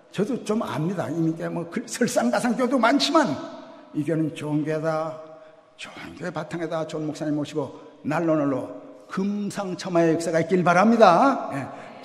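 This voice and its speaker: Older pastor preaching in an echoey church. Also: male voice, a little high. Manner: storytelling with acted voices, lively and humorous. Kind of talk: sermon. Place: church sanctuary.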